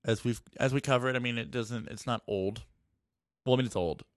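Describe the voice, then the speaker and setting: A man co-hosting a casual book podcast, animated and jokey, laughing often as he riffs. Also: mid-range voice, a little fast, no echo, studio quality. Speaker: podcast co-host.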